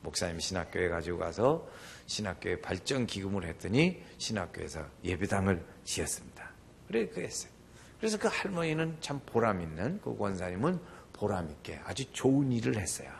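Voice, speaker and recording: An older man preaching a sermon as pastor, animated, often acting out the people in his stories. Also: low voice, a little fast, creaky, slight background noise. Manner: animated, acts out quoted voices.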